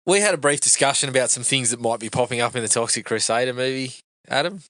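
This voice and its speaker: Man, relaxed chatty co-host, bright voice, dry studio. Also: medium pitch, quick pace, dry recording. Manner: laid-back, chatty, laughing. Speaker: podcast co-host. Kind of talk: casual movie commentary.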